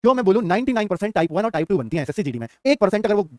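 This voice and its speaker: A man teaching an online exam-prep class, talking fast and animated and addressing his students directly. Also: sits high, dry recording, clean studio sound.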